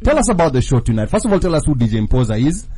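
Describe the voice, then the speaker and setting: A man hosting a radio talk show, energetic and joking with his guests. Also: fairly high pitch, racing, slightly rough. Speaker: radio host.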